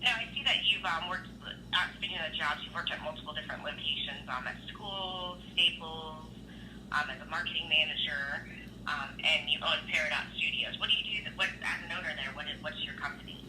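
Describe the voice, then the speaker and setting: Over a phone on speaker with clear background noise, a woman conducts a job interview. Her voice sits a little low, and she works through prepared questions. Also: a little fast. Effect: phone call on speakerphone. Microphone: phone line played through a speakerphone. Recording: noisy phone call on speaker.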